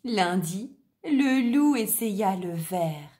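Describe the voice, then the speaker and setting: A woman reading a children's story aloud in a gentle, deliberate way. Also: medium pitch, expressive.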